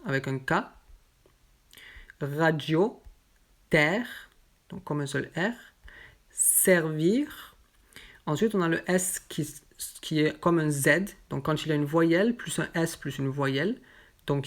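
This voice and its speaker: Slow, low-voiced woman teaching pronunciation. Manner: careful, deliberate word-by-word pronunciation. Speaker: French teacher.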